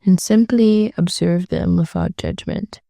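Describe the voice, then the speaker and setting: Her pitch swoops wildly as she guides a gentle, soothing meditation with slow phrases and long pauses. The woman's voice is very dark, mellow, and a bit low, frequently settling into creak, and the dry recording sounds close with no sense of room.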